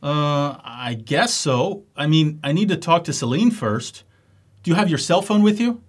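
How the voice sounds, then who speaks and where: A man acting a concerned, loyal friend and husband in a scripted dialogue, speaking clearly and expressively. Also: a little high, expressive, measured pace. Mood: hesitant, obliging. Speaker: actor in an English lesson dialogue.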